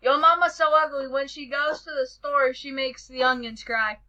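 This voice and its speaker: A woman's voice: sits high, fairly even intonation, normal speed, pushed and bright, muffled recording. A woman hosting a casual joke-reading challenge, reading jokes aloud and stumbling over the words.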